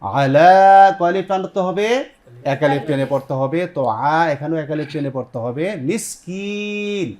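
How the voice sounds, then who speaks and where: A man's voice: on the high side, darkish tone. A man from Bangladesh teaching a Quran tajweed lesson on TV. He explains step by step, quizzes his students, and repeats their answers back. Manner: repeats students' answers back, sounds out Arabic words slowly. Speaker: Quran recitation teacher and TV host.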